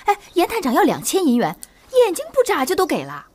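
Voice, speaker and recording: A sarcastic concubine, high voice, swooping intonation, period TV drama, music behind. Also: female voice, huge pitch swings, darkish tone. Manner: teasing, sarcastic, quick to explain schemes. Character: sharp-tongued scheming second concubine, woman. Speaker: second concubine in household. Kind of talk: Chinese period TV drama, dubbed dialogue.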